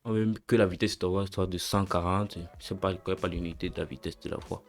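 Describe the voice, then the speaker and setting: Speaking fast in a low voice, a young man hosts an informal coding tutorial. He's relaxed and slangy, voicing every step as he works and catching his own mistakes mid-stream.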